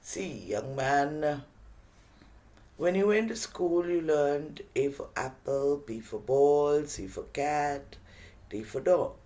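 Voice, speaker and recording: A man voicing a bright, cheerful wise guide who asks patient, probing questions. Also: a little high, takes it slowly. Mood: curious, teaching.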